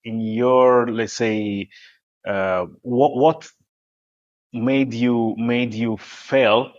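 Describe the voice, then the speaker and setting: A man hosting a podcast as a health coach, asking questions in a halting way with many restarts. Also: medium pitch, fairly even intonation. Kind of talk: podcast interview. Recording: dull lo-fi audio.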